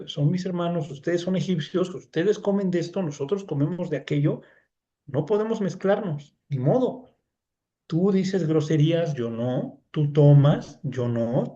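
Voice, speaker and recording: A man's voice: on the high side, warm tone, muffled recording. A man with a Mexican accent leading a Bible study, reading scripture aloud and explaining it in a chatty way, often checking in with "¿no?". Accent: Mexican Spanish. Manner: reads scripture aloud, then explains it conversationally with frequent "¿no?" checks.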